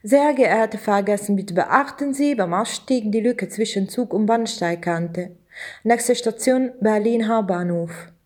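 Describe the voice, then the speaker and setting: Poet as a woman voicing a calm train station announcer, mellow and formal, measured delivery. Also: medium pitch. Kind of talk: spoken-word poem read as train station announcements.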